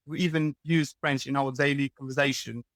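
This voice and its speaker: A young Lebanese pharmacist, a native Arabic speaker, appears as a guest in a casual interview, talking candidly and often restarting and correcting himself. His medium-pitched voice is steady, a little fast, and fairly bright. The studio recording is clean with no echo.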